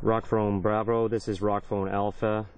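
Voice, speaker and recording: A man with a low voice makes slow, clipped radio calls. His voice comes through a radio link with bursts of static. The sound is muffled and dull, with a roomy echo around it. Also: level tone. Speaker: field operator. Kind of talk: radio call procedure.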